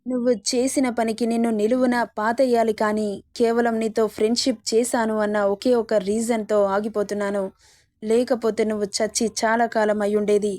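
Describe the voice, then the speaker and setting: A woman's voice: a little high, darkish tone, natural voice. A woman voicing an arrogant, cruel young husband who taunts and threatens his wife.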